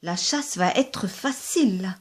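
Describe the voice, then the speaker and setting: A woman's voice: mid-range voice, expressive, takes it slowly, husky, pitched below the performer's own voice. A woman voicing a sly, hungry male fox with a growling manner in a storybook reading.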